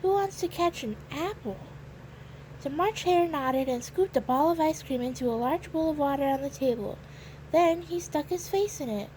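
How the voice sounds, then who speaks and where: A woman narrating a children's storybook with a gentle, expressive read-aloud delivery. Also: sits high, moderate pace, a little hiss or hum, low-quality recording.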